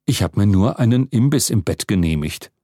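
A man's voice: on the low side, animated, normal speed, dark tone, dry recording, studio quality. A man doing a pompous, thundering wizard dean. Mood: defensive. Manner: blustery, indignant.

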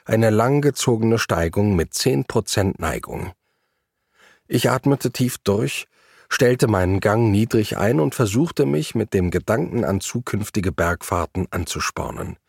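A low-voiced man reads a first-person travel story in measured, reflective narration. His voice is husky and breathy. The recording is dry and close, with no room sound. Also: expressive, darkish tone, dry recording.

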